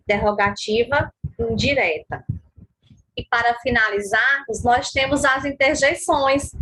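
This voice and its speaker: A woman's voice: sits high, a bit bright, poor audio. A woman with a Brazilian Portuguese accent, teaching a recorded grammar lesson, explaining patiently step by step and often checking in with her students.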